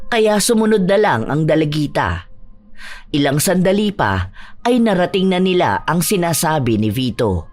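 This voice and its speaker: A woman narrating a true horror story in a somber, measured scripted style. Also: lowish voice.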